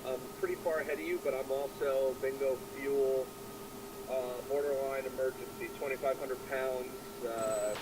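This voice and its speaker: A man's voice: mid-range voice, steady tone, moderate pace, background noise. Man talking through an oxygen mask radio. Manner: hesitant, with many fillers. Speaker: wingman in a flight simulator. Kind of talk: radio calls during multiplayer flight sim.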